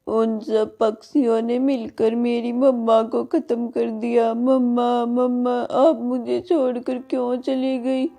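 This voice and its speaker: A woman voicing a young witch-bird girl in a storybook cartoon, grieving and vengeful, in a high childlike wailing voice. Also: unhurried, vocal fry, few pauses, warm tone, husky, exaggerated voice.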